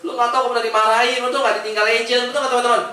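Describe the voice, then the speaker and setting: A man giving an energetic motivational talk, often asking the audience "right, friends?" in casual slang. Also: very high-pitched, racing, a little hiss or hum. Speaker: motivational speaker. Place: large echoey event hall. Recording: echoey hall, far-off mic.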